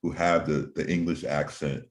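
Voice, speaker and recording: A man hosting a casual interview, talking at length in a thoughtful, rambling way with frequent pauses and um's. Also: very deep voice, little pitch movement. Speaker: host.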